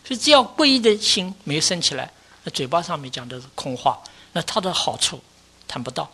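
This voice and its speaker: Buddhist teacher lecturing a class; builds chains of rhetorical questions, voice climbs for stress, sinks quiet to close a point. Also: sing-song, brisk, breathy edge. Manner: rhetorical questions in rising series; often lifts pitch and volume for emphasis, drops low at conclusions.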